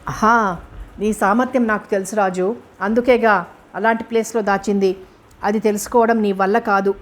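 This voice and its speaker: A woman's voice: mid-range voice, fairly even intonation, moderate pace, close to an everyday voice. A woman reading a taunting male kidnapper villain. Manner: menacing, mocking.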